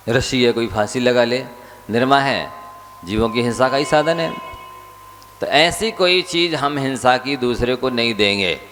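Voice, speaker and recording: A man's voice: mid-range voice, a bit bright, slight background noise. Man preaching a Jain sermon in a hall. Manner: exhorting, rhetorical questions to audience. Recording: hall reverb with faint ambience.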